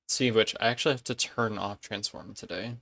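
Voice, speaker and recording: A man's voice: fairly low pitch, steady tone, quick pace, gravelly, sharp tone, no room sound. A man streaming a game and chatting casually, rambling and correcting himself as he goes. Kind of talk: casual live-stream chat.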